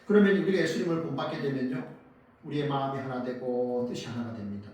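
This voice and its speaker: A man's voice: mid-range voice, fast talker. A man, a pastor, preaching a sermon who asks the congregation questions and answers them himself, his voice swelling and dropping. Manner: dramatic rises and drops in loudness. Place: church sanctuary. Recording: very echoey church hall, mic at a distance.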